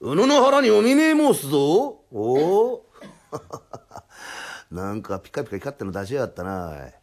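Guy putting on a rowdy burglar, twang, husky, shouty, jumps all over in pitch. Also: wildly swooping pitch, moderate pace. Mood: threatening. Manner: loud, blustering, coarse. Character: rough blustering male burglar, easily flustered. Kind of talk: comic storytelling.

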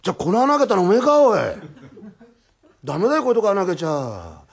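Guy putting on a rowdy burglar, twang, husky, shouty, jumps all over in pitch. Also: wildly swooping pitch, rapid-fire, exaggerated voice. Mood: scolding. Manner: loud, blustering, coarse. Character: rough blustering male burglar, easily flustered. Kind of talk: comic storytelling.

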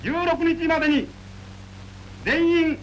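A male radio announcer reads a formal official war bulletin in an old wartime radio broadcast, with a slow, measured delivery. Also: extremely high pitch, muffled recording. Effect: old wartime radio broadcast recording. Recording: old radio recording with faint hiss and hum.

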